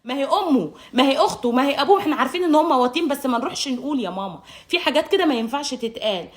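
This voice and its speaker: A woman with an Egyptian accent giving marriage advice straight to camera, brisk and emphatic, scolding while calling the viewer darling. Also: sits high, expressive. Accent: Egyptian Arabic. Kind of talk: direct-to-camera advice monologue.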